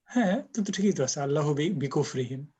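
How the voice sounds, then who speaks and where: A man with a slightly high voice leads an online class. He explains pronunciation patiently, builds each point with examples, and often slips into English phrases. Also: lively intonation, fast talker, mellow, slightly rough, muffled recording. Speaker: Quran Arabic teacher.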